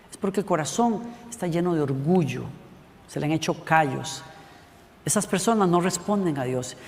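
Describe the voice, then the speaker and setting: A man with a notably high voice preaches in a church sanctuary. He tells the story conversationally, tossing questions to the congregation and slipping in jokes. The sound carries a long hall reverb. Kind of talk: sermon.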